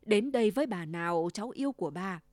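A woman voicing a sly old male wolf who growls his plans and then fakes a soft, trembling granny voice, in a storybook reading. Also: medium pitch, lively intonation, fast talker, no echo, clean studio sound, close to an everyday voice. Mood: fake sweet.

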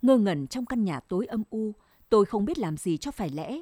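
A woman narrating a scripted first-person story in a measured, sorrowful way. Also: medium pitch, expressive, mellow, breathy edge, dry recording, clean studio sound.

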